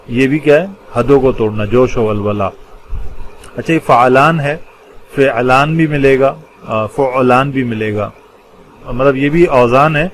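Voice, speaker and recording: A man teaching a religious lesson in Urdu, explaining Arabic word patterns. He goes patiently, pausing often and stressing key words. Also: medium pitch, slight background noise, poor audio. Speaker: Quran teacher.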